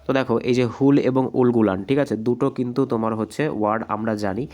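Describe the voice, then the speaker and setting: A man with a hoarse voice from a cold, teaching an exam practice lesson and explaining answers step by step. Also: mid-range voice, fairly even intonation, brisk, a little mellow. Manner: explanatory, repeats "ঠিক আছে?" often.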